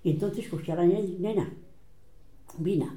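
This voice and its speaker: A woman's voice: fairly low pitch, a little fast, mellow, roomy sound. An older woman with a Catalan accent tells family stories aloud and acts out the voices of the people she quotes. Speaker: relative recounting family history. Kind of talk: oral family storytelling.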